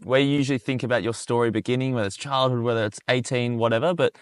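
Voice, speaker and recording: A man's voice: mid-range voice, steady tone, racing, clear, resonant tone, no echo. A man hosting a podcast interview, asking long, easygoing questions with restarts. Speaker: podcast host. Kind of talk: casual interview chat.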